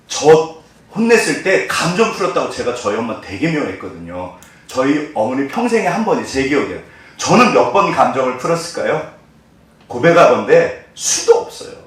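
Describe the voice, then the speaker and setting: A man preaching a sermon as a pastor, animated, moving between loud exclamations and soft, hushed quotes. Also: mid-range voice. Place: church sanctuary. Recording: echoey church hall, mic at a distance.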